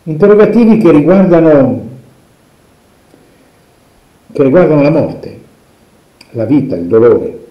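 A man reading the Gospel and preaching a homily in a measured, reflective way, pausing and restarting as he thinks. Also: a little high, animated. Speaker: priest. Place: church. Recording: echoey, dull church recording.

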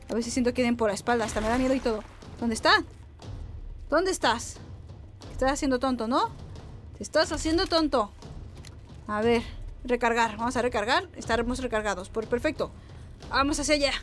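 A young woman giving chatty, excitable let's-play commentary and talking back to game characters. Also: high voice. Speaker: gaming YouTuber. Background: game music.

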